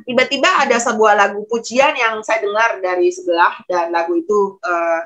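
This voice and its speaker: A woman's voice: mid-range voice, steady tone, normal speed, a bit bright, soft background music. A woman pastor giving a testimony sermon in a conversational storytelling manner, often addressing the congregation directly.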